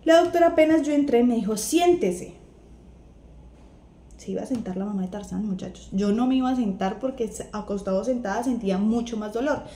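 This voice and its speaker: Chatty Colombian woman, mellow voice. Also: fairly high pitch, fast talker, few pauses. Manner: chatty, animated retelling with acted-out quotes. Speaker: vlogger. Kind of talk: casual personal storytelling. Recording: echoey room, faint ambience.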